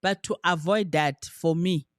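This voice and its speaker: An earnest woman with a lowish voice co-hosts a relationship podcast, talking through her points in casual conversation and pausing to search for words. The recording is dry and close, with no room echo.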